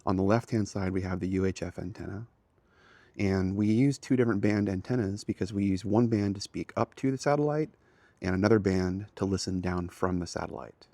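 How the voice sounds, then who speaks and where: A man with a low, warm voice talks a little quickly, recorded dry. He is an amateur radio hobbyist hosting a casual, plain-spoken walk-through tour that starts outdoors by a house and moves into a garage and a small radio room.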